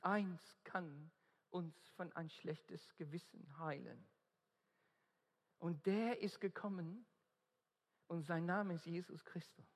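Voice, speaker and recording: Here the preacher's voice sits on the high side and sounds slightly rough. He is an Australian-accented native English speaker giving an emphatic, earnest evangelistic sermon in German, frequently groping for words, while a hall's long reverb hangs around him.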